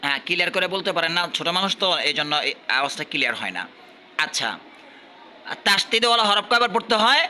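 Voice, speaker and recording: A man from Bangladesh teaching at a madrasa, quizzing his pupils and repeating questions while urging them to answer louder. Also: high voice, lively intonation, quick pace, pauses often, slight background noise. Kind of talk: classroom quizzing.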